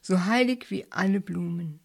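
A woman's voice: fairly low pitch, normal speed, creaky. Woman reading as an earnest eccentric physicist. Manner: scolding, earnest. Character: eccentric reverent male physicist, easily alarmed.

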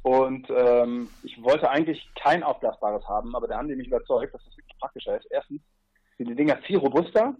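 Appearing as a guest on a casual podcast, a paddler recounts his long river journey, rambling along with plenty of asides and filler words. His mid-range voice is husky and expressive and moves a little fast, though the audio comes across dull.

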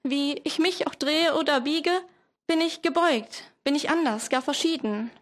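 A woman's voice: high voice, a little slow, voice pushed up. A teenage woman voicing a brave verb who pleads earnestly for tolerance. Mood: pleading. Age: teens.

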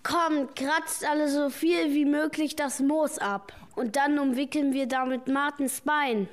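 A woman playing a practical child in a children's radio play who is quick to act. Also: high voice, steady tone, background noise.

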